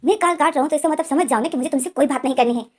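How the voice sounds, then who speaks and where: An indignant young man snaps and taunts his rival in a story, as a woman reads his lines. The voice sits fairly high and the retorts come short and cutting. It sounds like dialogue read from a storybook. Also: brisk, darkish tone. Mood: angry.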